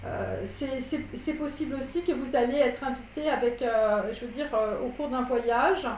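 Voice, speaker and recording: A woman with a high voice talks her way through a tarot reading, full of hesitations and restarts. The sound is roomy and echoey, with a faint hiss underneath. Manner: rambling, many fillers and restarts. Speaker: tarot reader. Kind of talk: casual tarot reading monologue. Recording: echoey room with faint noise.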